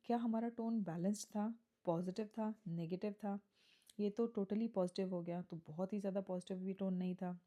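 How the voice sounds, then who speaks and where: A woman teaching an editorial reading lesson. She reads the English lines slowly, then explains them in Hindi, and checks in with students as she goes. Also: medium pitch, warm tone. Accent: Indian English. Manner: asks students questions and checks with "है ना?".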